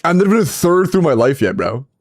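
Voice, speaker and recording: A streamer in his twenties chats casually on a livestream while reviewing game accounts, bantering playfully with chat and laughing a lot. He talks fast in a high, husky, very animated voice.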